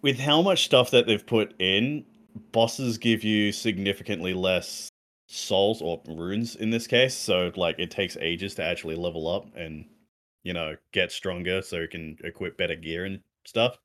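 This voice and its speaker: A man with a lowish voice co-hosts a casual gaming podcast. He rambles in a laid-back way, leaning on "like" and "you know.". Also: measured pace, a bit bright. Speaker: podcast co-host.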